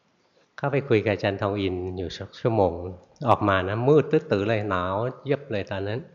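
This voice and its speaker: Low-voiced man preaching a sermon. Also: a little fast. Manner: relaxed storytelling with frequent "na" tags. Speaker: Buddhist monk preacher. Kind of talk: sermon with storytelling. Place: sermon hall. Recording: dull lo-fi sermon recording.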